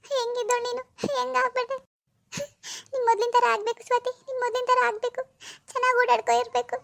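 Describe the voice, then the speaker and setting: A distraught mother in a cartoon pleads and wails in a very high, strained voice, as a woman puts her on. She begs the doctor tearfully for her daughter, talking quickly. The sound is dry and close. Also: level tone, a little mellow, no room sound. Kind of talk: Kannada cartoon voice acting.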